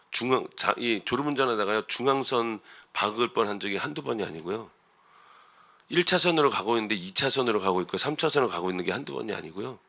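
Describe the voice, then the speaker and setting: Bright-voiced man preaching a sermon. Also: on the low side. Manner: conversational preaching with rhetorical questions, rising to emphatic outbursts. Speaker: pastor. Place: church sanctuary.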